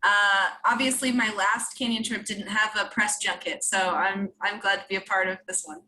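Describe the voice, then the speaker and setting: A woman in her twenties, a guest in an interview, speaking in a friendly, halting way. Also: mid-range voice, fairly even intonation, sharp tone, rough recording. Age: 20s.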